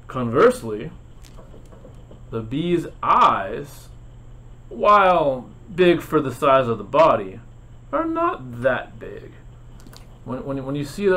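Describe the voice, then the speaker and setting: A man's voice: medium pitch, sharp tone. A man hosting a playful educational explainer, asking dramatic questions and chuckling often, with hesitant fillers. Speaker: host. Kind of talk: educational explainer about insects.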